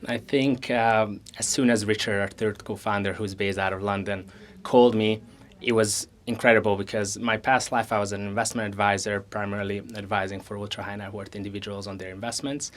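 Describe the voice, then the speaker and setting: A man in his twenties from Hungary speaks in a somewhat low voice. He answers interview questions earnestly and at a measured pace, often restarting his sentences. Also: flat delivery. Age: 20s. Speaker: co-founder guest. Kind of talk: conversational interview.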